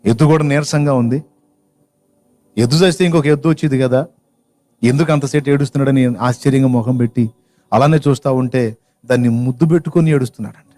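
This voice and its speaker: A man's voice: mid-range voice, steady tone, fast, pauses often, mellow. A man preaching a sermon through a story, emotional and impassioned. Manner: emotional, builds to impassioned crying-out.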